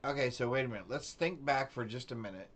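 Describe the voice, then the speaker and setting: A man's voice: mid-range voice, fast talker, fairly bright tone. Man, gaming streamer, casual commentary, thinks aloud, chatty, curious.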